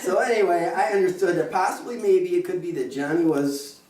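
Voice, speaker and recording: A man's voice: high-pitched, a little fast, background noise. A middle-aged man, the groom's father, officiating a wedding and telling joking stories with frequent chuckles. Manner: joking, anecdotal, often chuckling. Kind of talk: wedding speech. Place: wedding venue. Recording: roomy and distant with faint ambience.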